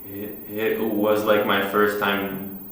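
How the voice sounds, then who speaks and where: Teenage male interviewee from Iraq, halting delivery, recorded far off in a reverberant hall. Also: lowish voice, monotone, a bit bright, slight background noise. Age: teens. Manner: hesitant, many restarts and light laughs. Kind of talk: casual oral history interview. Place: university hall room. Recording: echoey room from a distance.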